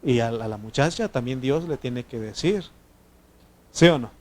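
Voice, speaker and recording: A man's voice: medium pitch, animated, moderate pace, darkish tone. A man preaching a sermon, teaching the congregation and checking in with frequent questions. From Mexico. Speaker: pastor.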